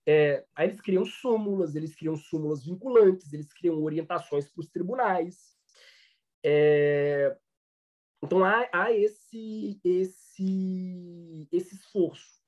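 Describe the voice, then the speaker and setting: A man's voice: high voice, slow pace, a little mellow. A Brazilian man, a law professor, giving a lecture with many fillers and restarts. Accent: Brazilian Portuguese. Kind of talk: online lecture.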